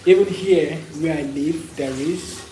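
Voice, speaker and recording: A man with a slightly high, dark-toned voice livestreams at a measured pace from an echoey room with a faint hum. In this casual chat he tells personal stories and gives opinions, repeating and rephrasing things to stress them.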